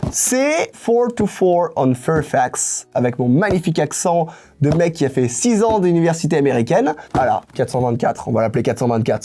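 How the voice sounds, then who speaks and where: A young man with a warm, mid-range voice chats enthusiastically in an unscripted vlog about his sneaker collection, dropping English slang into his speech. Music plays faintly in the background.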